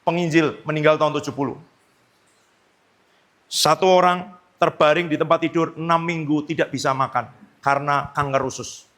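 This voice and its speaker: A male pastor preaching an animated sermon, telling stories and acting out his own commands in a low, firm voice. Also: moderate pace, pauses often. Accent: Indonesian.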